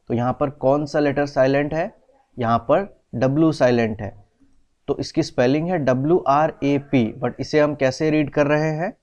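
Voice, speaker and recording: A male teacher giving a classroom lesson in a slow, patient way, mixing Hindi and English and spelling words out letter by letter. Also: medium pitch, darkish tone. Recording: dull, slightly lo-fi recording.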